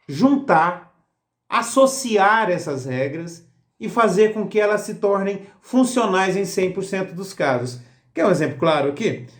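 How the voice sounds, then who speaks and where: A man giving a grammar lesson for exam prep, emphatic and explanatory, asking rhetorical questions. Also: sits high. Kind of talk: recorded lesson. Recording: roomy echo.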